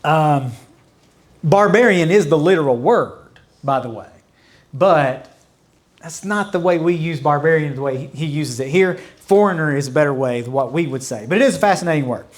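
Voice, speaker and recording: A man as pastor, teaching a Bible study in a conversational way, explaining with repetition and asides. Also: fairly high pitch. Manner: mimics mocking babble with fading repeats. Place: church.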